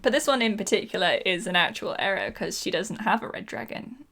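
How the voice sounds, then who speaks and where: A woman's voice: mid-range voice, lively intonation, a little fast, a bit bright. A woman co-hosting a podcast, chatting casually and playfully with lots of ums and laughter. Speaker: podcast co-host. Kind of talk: casual chat.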